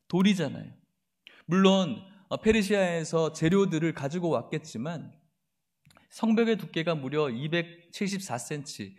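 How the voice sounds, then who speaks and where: A male pastor delivers a Sunday sermon in a slightly higher-than-average voice. He reads scripture slowly, then presses the congregation with rhetorical questions. He slips into a sharper, higher tone to act out the mockery of opponents. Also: darkish tone. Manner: voices mocking taunts of the enemies in a sharper, higher tone.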